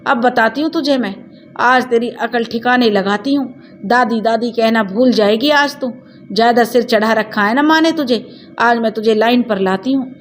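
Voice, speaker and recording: Woman doing a resentful, hot-tempered mother, sharp scolding delivery, slightly raised pitch. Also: normal speed, a little hiss or hum, natural voice. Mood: furious. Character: short-tempered young mother, harsh and resentful.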